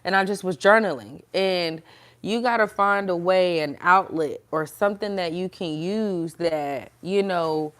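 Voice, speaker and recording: A woman's voice: on the low side, measured pace. A woman giving a candid, conversational faith talk, encouraging listeners in a casual way. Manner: candid, conversational, encouraging, with frequent fillers and laughs.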